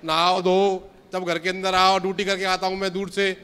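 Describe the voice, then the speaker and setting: A man with a sharp, crisp, high voice complains as he explains a household grievance. His voice carries a long echo in a large hall. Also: level tone, fairly quick. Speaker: audience member asking a question. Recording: reverberant hall.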